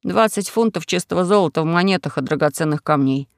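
A man's voice: fairly high pitch, fast talker, creaky, no echo, clean studio sound. A man voicing a firm, earnest young male hero in an audiobook, speaking resolutely.

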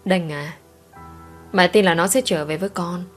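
A woman's voice: lowish voice, fairly even intonation, moderate pace, soft background music, natural voice. A woman doing an anxious older mother.

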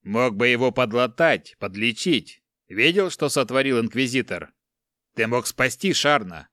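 A man voicing a gruff giant barbarian who drawls slow, loud and folksy mockery in an audiobook. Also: mid-range voice, lively intonation, no room sound, clean studio sound. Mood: angry.

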